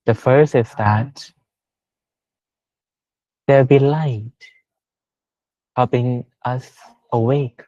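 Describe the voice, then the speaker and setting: A meditation teacher guides a session in a gentle, unhurried way, leaving long pauses. His mid-range voice keeps a fairly even intonation, and the recording is muffled but without echo.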